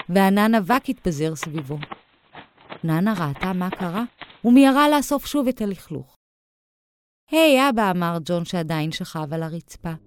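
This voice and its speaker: A woman narrating a children's storybook in a lively, expressive reading. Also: on the low side, smooth.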